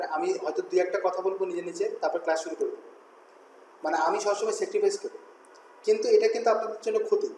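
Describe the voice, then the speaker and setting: A higher-pitched man lectures fast and loud in a web design class, peppering his students with questions and slipping English words into his talk. His voice rings in a very echoey room. A faint hiss of noise sits underneath. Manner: chatty, addresses students directly with questions.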